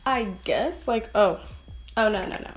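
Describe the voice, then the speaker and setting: A woman's voice: a little high, measured pace, soft background music. A young woman chatting through a makeup tutorial at home, rambling and poking fun at herself. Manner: rambling, self-mocking, giggly asides. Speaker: beauty vlogger. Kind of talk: casual makeup tutorial chat.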